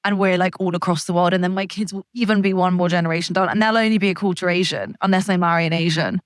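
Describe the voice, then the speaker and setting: A woman's voice: on the low side, steady tone, fast talker, no room sound, studio quality. A woman from Malaysia co-hosting a podcast, talking in a rambling, heartfelt way with many restarts. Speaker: podcast co-host. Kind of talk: casual chat.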